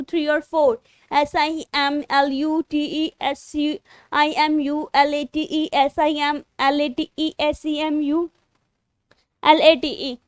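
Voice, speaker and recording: A woman's voice: sits high, no room sound, clean studio sound. A woman with an Indian accent teaching English spelling online, spelling words out letter by letter and mixing Hindi with English. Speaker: English teacher for exam prep.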